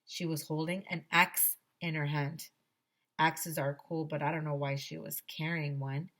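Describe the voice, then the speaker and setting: In a small, decorated indoor room, a middle-aged woman wearing a headset mic reads aloud to children at an unhurried pace. Her fairly low voice voices a schoolboy narrating in first person, leaning theatrically on words in a lively, expressive way.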